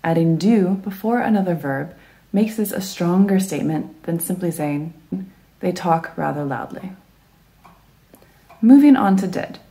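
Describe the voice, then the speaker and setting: A woman narrating a scripted English grammar lesson in a clear, even explanatory way. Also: fairly low pitch, measured pace, long pauses. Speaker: English teacher.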